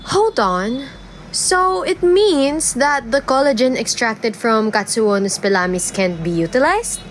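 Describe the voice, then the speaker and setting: Woman, infomercial narrator, scripted, very lively intonation, unhurried, faint background noise. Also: a little high.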